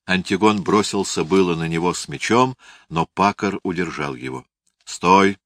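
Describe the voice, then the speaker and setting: A man narrating a historical novel as an audiobook reader, in a measured, dramatic reading. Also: deep voice, fairly bright tone, dry recording, clean studio sound.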